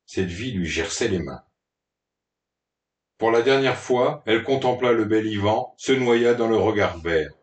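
A man's voice: on the low side, lively intonation, measured pace. A man narrating a story in a dramatic, mock-melodramatic reading style. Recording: roomy, distant from the mic.

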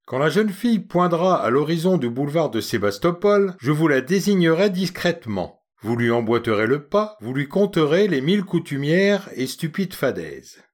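A man's voice: a little high, sing-song, normal speed, hardly any pauses. A man voicing a pale, sad, timid young man who speaks in a formal, slightly pompous way. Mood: earnest, scheming.

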